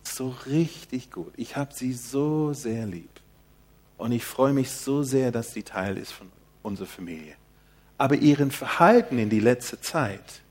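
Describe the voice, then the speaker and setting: An older man preaching a sermon in a quiet, soft-spoken manner. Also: mid-range voice, husky.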